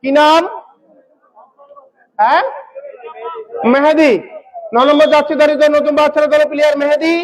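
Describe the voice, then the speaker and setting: Very high-pitched man in excitable football commentary. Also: normal speed, pauses often, low-quality recording. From Bangladesh. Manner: excitable, shouts out shots and goals, repeats players' names. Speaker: local football match commentator and announcer. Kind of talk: live football penalty shootout commentary. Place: outdoor local football ground.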